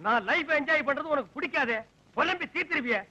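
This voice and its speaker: A man's voice: very high-pitched, fairly quick, sharp tone, dull audio, heavily acted. An actor playing a vain, showy man in a comedy film scene, tossing English phrases into his talk. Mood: boastful. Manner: mixes English phrases, boastful teasing.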